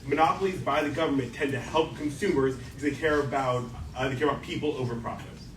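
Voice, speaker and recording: A man's voice: medium pitch, steady tone, fast talker. A young man debating confidently, backing his point with examples. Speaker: student debater. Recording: echoey room, distant mic, noise.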